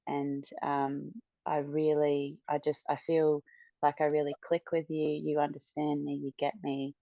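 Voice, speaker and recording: A coaching client appears as a podcast guest to give a testimonial, speaking softly in a low, flat, gravelly voice. She's hesitant and halting, stopping and restarting with many fillers. The recording sounds dry and slightly dull, with no room echo.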